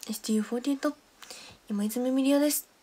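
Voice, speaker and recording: A woman's voice: high-pitched, rapid-fire, warm tone. Woman mimicking a chirpy young idol greeting. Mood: cheery greeting. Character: young female idol's self-introduction greeting.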